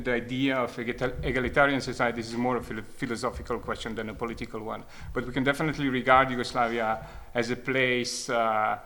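A man talks through his memories in a measured, reflective way. He pauses often and repeats words as he searches for the right phrasing. His voice sits at an ordinary middle pitch. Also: a bit bright. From Croatia. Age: 30s. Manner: hesitant, restarts and repeats words while thinking. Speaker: speaker sharing personal experience. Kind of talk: reflective spoken testimony.

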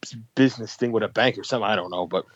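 A man's voice: fairly low pitch, very fast, dry recording. Male co-host on a phone call, easygoing and profane, muffled line. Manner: laid-back, swears and laughs easily. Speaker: podcast co-host. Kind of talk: casual chat.

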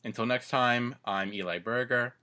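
A man's voice: mid-range voice, normal speed, pushed and bright. A man co-hosting a podcast in casual chat, making dry, wry quips. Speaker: podcast co-host.

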